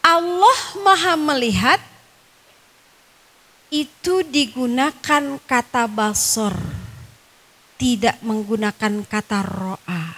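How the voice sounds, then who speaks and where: A woman with a Sundanese accent teaching a Quran study class, quizzing the women listening with questions and chanting Arabic verses slowly. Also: fairly high pitch, fairly bright tone. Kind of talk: religious study lecture. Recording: long reverb, echoing hall.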